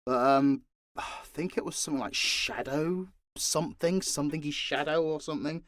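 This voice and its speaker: In a casual, unscripted Q&A, a voice actor and audio channel creator with a British accent talks candidly, cursing liberally and making jokes at his own expense. His voice sits on the high side and is a bit bright, delivered at a moderate pace in a dry, clean studio recording.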